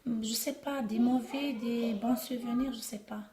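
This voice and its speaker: A middle-aged woman from Algeria, answering interview questions haltingly, with many restarts and trailing off softly. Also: on the high side, steady tone. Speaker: interviewee, immigrant mother. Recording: echoey room with faint noise.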